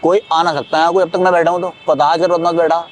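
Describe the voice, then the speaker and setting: A man playing a swaggering small-time male street thug who talks rough, boastful and bullying, in a staged sketch. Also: on the high side, little pitch movement, quick pace, soft background music, natural voice. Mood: menacing.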